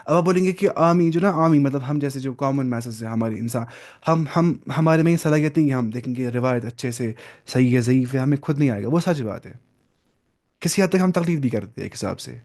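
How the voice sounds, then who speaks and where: A man's voice: mid-range voice, expressive, darkish tone. A man, giving an informal classroom lecture on religious law, conversational and repeating key terms. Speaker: religious studies teacher.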